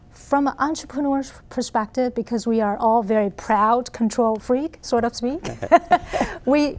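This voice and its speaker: As an interview guest, this middle-aged woman from Taiwan earnestly explains her ideas in a Taiwanese accent, often breaking into laughter. She speaks with a darkish tone in a voice that sits on the high side.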